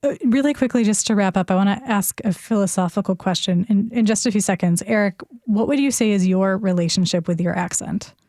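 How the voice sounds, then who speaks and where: A woman's voice: mid-range voice, brisk, few pauses, mellow, no echo, clean studio sound. A woman hosting a live public radio talk show, speaking in a presenter's style.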